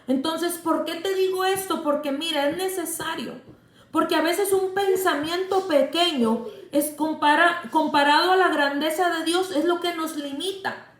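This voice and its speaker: A woman's voice: very high-pitched, unhurried, reverberant. A middle-aged woman preaching a livestreamed sermon from home, fervent and repeating phrases for emphasis. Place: seated indoors at home.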